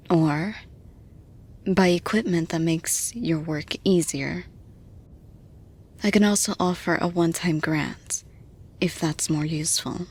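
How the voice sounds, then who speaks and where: A woman's exaggerated performance brings a motherly female boss to life in an intimate ASMR-style roleplay monologue. Breathy and fairly low, her voice crawls along slowly, soothing and hushed, and it often falls to a whisper.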